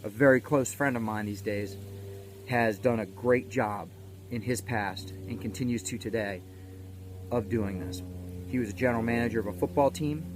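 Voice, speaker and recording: A man's voice: on the low side, moderate pace. Man giving an emphatic coach's pep talk, noisy background. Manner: emphatic, repeats key words for stress. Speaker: motivational coach host of a daily video series. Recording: background noise and ambience.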